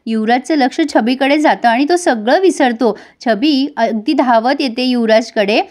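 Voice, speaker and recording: A woman with a high voice recaps a TV serial episode. She talks straight to her viewers, moving between narration and the characters' lines. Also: moderate pace, a little mellow. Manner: addresses viewers directly, switches between narration and dialogue. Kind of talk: retelling a TV serial episode, voicing all characters.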